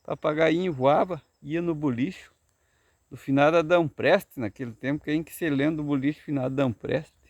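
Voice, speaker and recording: Gravelly older gaúcho grandfather spinning a tale. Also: fairly high pitch, normal speed, a little mellow, no echo, dull audio. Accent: Southern Brazilian (gaúcho). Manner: folksy, earnest, insisting it is true. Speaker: grandfather storyteller. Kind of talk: telling a tall tale.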